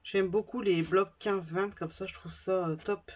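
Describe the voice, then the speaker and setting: A woman's voice: mid-range voice, steady tone, unhurried, darkish tone. A woman with a French accent, chatting casually as she shows her craft purchases one by one, correcting herself as she goes. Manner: chatty, self-correcting, lists items one by one. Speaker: craft vlogger showing purchases. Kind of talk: casual show-and-tell haul.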